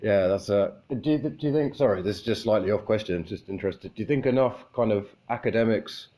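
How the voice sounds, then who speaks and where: A man with a naturally deep voice interviewing a guest over a call, politely rephrasing his questions. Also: a little fast, dark tone.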